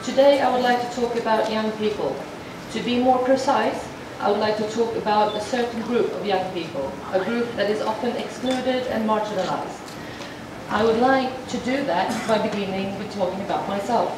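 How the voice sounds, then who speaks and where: A woman with a mid-range voice works as a sign language interpreter, voicing a formal speech in a measured, halting way and often restarting her phrases. She sounds distant from the microphone in a large, heavily echoing hall, with steady noise beneath her.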